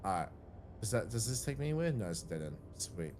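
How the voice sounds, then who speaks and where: Excitable gamer man, lively voice. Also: on the low side, quick pace. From Australia. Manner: excitable, swears, thanks viewers. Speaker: gamer on a stream. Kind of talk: casual gaming chat. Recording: loud background noise.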